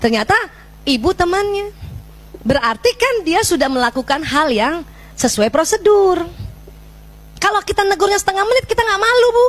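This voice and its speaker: Seorang perempuan paruh baya memberi ceramah parenting Islami kepada para ibu, bercerita dan memerankan percakapan dengan anaknya secara hidup. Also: female voice, very high voice, moderate pace, pauses often. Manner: animated, acts out scenes with her child, addresses audience as Bu. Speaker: parenting speaker. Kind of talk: lively Islamic parenting talk to mothers.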